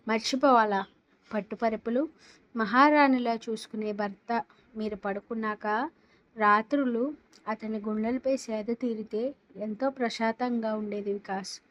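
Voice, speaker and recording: A woman reading the lines of a hurt older mother who speaks flatly, without emotion. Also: on the high side, a little slow, highs cut off. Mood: bitter. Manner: flat, emotionless.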